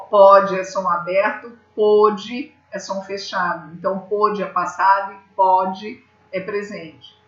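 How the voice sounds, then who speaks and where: Brazilian teacher lady explaining grammar real slow and patient, echoey room, kinda muffled. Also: medium pitch, fairly bright tone. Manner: patient, explains step by step, keeps asking "tá?". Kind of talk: grammar lesson. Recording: echoey room, slightly dull sound.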